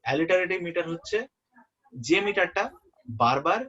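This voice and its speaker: Young guy tutoring a student, kinda high voice, muffled lo-fi sound, keeps repeating the key words. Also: lively intonation, moderate pace, pushed and bright. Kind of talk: informal exam-prep lesson. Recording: muffled lo-fi audio.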